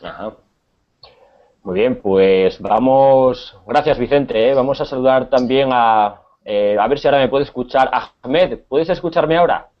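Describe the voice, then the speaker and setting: A man's voice: medium pitch, unhurried, muffled recording. A man from Spain with a Spanish accent, teaching an online Spanish class and explaining things patiently with many hesitations.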